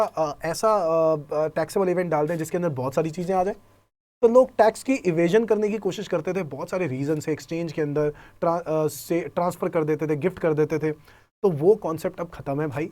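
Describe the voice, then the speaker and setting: A man's voice: a little high, a little mellow. An Indian man teaching a tax class, asking questions on his students' behalf and answering them, mixing in English terms and calling his students kids. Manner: mixes Hindi with English terms; addresses students fondly as kids. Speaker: tax lecturer. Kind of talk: classroom lecture.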